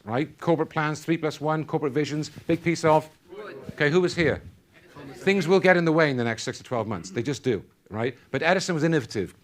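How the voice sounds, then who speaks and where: High-voiced man giving a motivational talk. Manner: animated, quizzing the audience with call-and-response questions. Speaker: keynote speaker. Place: conference hall.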